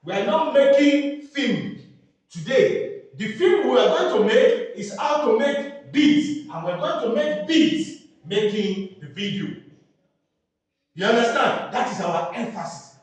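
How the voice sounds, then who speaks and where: A man with a Nigerian English accent teaching a design class, speaking emphatically, repeating key words and quizzing his students. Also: very high-pitched. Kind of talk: classroom lecture. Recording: very echoey room, mic far off.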